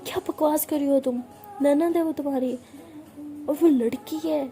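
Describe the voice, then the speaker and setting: A woman's voice: sits high, moderate pace, dark tone, soft background music. A woman voicing a middle-aged mother who is loving but strict, coaxing and scolding her daughter. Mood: angry.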